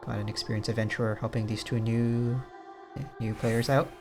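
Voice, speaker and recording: This gaming video host talks at a normal speed in a medium-pitched, level voice. His let's play commentary is casual and rambling, understated, as if he's thinking aloud, with music playing behind him.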